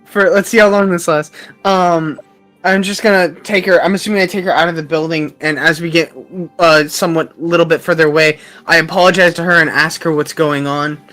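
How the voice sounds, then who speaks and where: A man's voice: a little high, steady tone, a little fast, pushed and bright, soft background music. A man playing a tabletop game, casually and tentatively thinking aloud about what his character does. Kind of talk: casual role-play chat, describing his character's actions.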